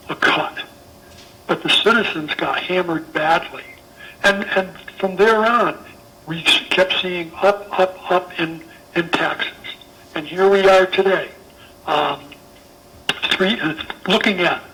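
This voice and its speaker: A man phoning in as a caller, his voice coming through over the line. He talks in a high, forceful tone and drives his points home by repeating them. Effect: call-in voice heard over the phone line. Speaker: caller phoning in to a town budget hearing. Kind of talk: public comment by phone.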